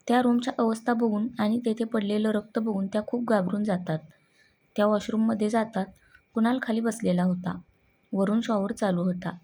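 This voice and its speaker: A woman reading a scripted story aloud in an even manner. Her voice is husky and mellow, with a gravelly creak running through it. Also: medium pitch.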